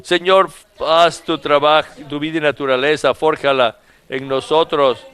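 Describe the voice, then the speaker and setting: A man's voice: fairly high pitch, fairly even intonation, unhurried, fairly bright tone, clean tone. A man leading a spoken prayer in an earnest manner, repeating pleading invocations. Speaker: prayer leader.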